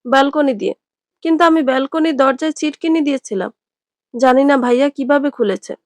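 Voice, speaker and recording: A woman's voice: sits high, brisk, a little mellow, no echo, close to an everyday voice. A woman voicing a spoiled, tearful young woman who talks in a whiny, pouting way. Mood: shaky.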